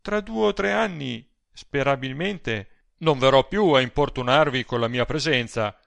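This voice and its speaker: A male reader voicing an aging gallant gentleman in an audiobook, ironic and emphatic. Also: mid-range voice, unhurried, vocal fry, no room sound.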